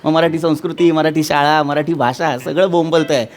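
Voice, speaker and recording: A man's voice: fairly high pitch, steady tone, moderate pace. Whiny, pleading Marathi comic man. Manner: whiny, pleading, repeats "baba". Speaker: comic actor in a sketch. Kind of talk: stage comedy sketch. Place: television studio stage.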